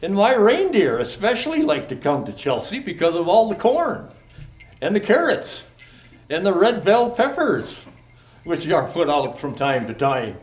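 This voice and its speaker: A man's voice: high voice, huge pitch swings, full character voice. An older man playing Santa Claus as a jolly, kindly old storyteller, theatrical and grandfatherly as he speaks to children at a live event. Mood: kindly, encouraging. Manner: theatrical, grandfatherly, unhurried phrasing. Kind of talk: storybook poem reading and kindly address to children.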